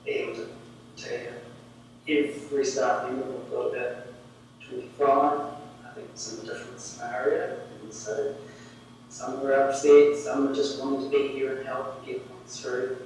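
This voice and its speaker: A man's voice: medium pitch, flat delivery, unhurried, a little mellow. A man from New Zealand with a broad Kiwi accent, a pharmacist recounting his experience. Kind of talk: recounting experience in a recorded video. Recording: very echoey, distant, faint noise.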